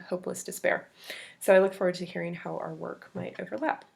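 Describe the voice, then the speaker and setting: A woman academic presenting a prepared conference paper in a measured reading voice, with brief off-script asides. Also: lowish voice, creaky. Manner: measured, reads quotes aloud, brief asides.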